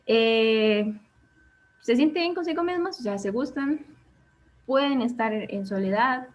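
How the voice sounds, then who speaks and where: A woman therapist with a Costa Rican accent leading a self-esteem workshop in a relaxed conversational way. She keeps checking in with her listeners and acts out quoted thoughts in a raised voice. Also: fairly high pitch, unhurried. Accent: Costa Rican Spanish. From Costa Rica. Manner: conversational, checks in with frequent "¿ok?" and "¿verdad?". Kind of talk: live online workshop talk. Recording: dull lo-fi sound with faint background noise.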